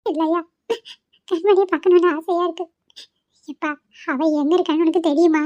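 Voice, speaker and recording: A woman voicing a high, shaky old grandmother. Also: fairly even intonation, normal speed, a little mellow, dry recording, muffled recording. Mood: pleading. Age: older. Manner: scolding and pleading. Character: tearful old grandmother, stern with her son. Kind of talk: cartoon voice acting.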